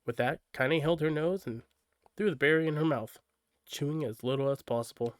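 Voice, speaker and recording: A man with a fairly high voice reads a story aloud on a live stream at a moderate pace, with no echo. He keeps it casual, now and then tripping over words and correcting himself.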